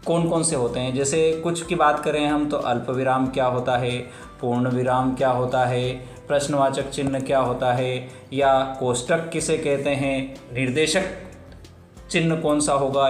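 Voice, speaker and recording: Male teacher, patient explainer, mid pitch, echoey room recording. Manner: slow, explanatory, repeats phrases for emphasis. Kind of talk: grammar lesson. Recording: roomy echo with faint music.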